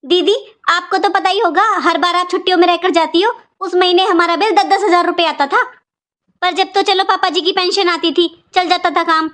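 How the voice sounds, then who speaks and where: A woman voicing a harsh, stingy aunt in a cartoon, scolding in a sharp-tongued way. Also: very high-pitched, steady tone, moderate pace. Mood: complaining. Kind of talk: cartoon voice acting.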